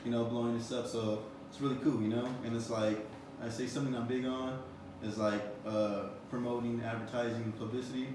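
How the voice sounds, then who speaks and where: A young man in his twenties hosts a casual interview, his delivery quick and level with little rise and fall. He rambles, stacking fillers as he goes. His voice sits back from the mic in a roomy, echoing space with steady noise behind it. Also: medium pitch. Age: 20s. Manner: rambling, many fillers like "you know" and "um". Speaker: interview host. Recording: roomy echo, far from the mic, background noise.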